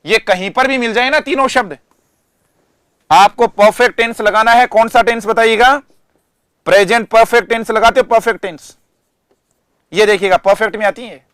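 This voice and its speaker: A man teaching English vocabulary in an online class, explaining in Hindi and reading English example sentences slowly with stress, often asking the students questions and answering them himself. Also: sits high, fairly bright tone, clean tone, no echo. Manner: addresses students directly, asks and answers himself.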